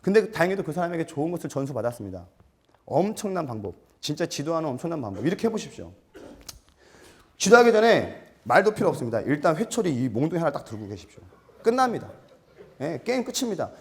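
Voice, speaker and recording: A man giving a storytelling seminar lecture, animated and self-mocking, acting out quotes and putting questions to his audience. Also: on the high side, quick pace. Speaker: lecturer for martial arts gym instructors.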